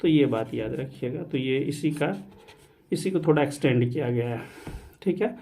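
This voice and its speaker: This male maths teacher has a medium-pitched, gravelly, dark voice with lively intonation at a normal speed, and there's slight background noise. Teaching real analysis for online exam prep, he blends English mathematical terms into Hindi, repeatedly says "saathiyon," and answers the rhetorical questions he raises.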